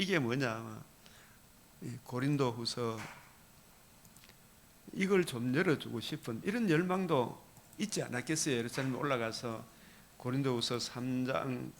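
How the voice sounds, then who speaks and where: A man's voice: medium pitch, a bit bright. An older man with a Gyeongsang accent preaching an early-morning sermon, asking the congregation rhetorical questions. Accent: Gyeongsang Korean. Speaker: pastor.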